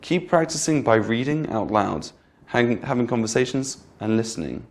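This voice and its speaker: A man at an ordinary middle pitch leads an online English pronunciation lesson. He talks patiently and says his example phrases slowly so that the stressed words stand out. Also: lively intonation. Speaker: English teacher.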